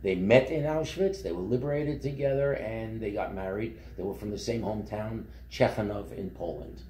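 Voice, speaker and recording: A man, telling his life story in a relaxed, rambling way with many fillers and restarts. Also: on the low side, moderate pace, roomy sound, slight background noise. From Brooklyn, New York. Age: 70s. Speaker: company founder. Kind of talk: interview storytelling. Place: office meeting room.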